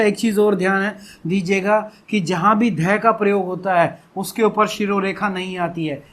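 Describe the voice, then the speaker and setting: A man's voice: high-pitched, fairly bright tone. A young adult man teaching a Hindi lesson, explaining patiently and drawing out syllables to show pronunciation. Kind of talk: classroom-style lesson explanation.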